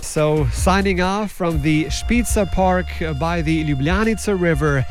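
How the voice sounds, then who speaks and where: A male radio reporter with a high voice, doing vox-pop interviews at an outdoor festival. He keeps his questions short and friendly, and faint music plays in the background. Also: measured pace.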